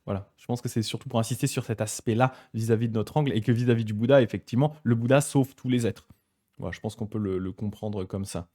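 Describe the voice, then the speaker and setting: A man leading a casual live-streamed study session as a Buddhist teacher. He talks in a relaxed, explanatory way with frequent hesitations, and he reads passages aloud slowly before commenting on them. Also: fairly low pitch.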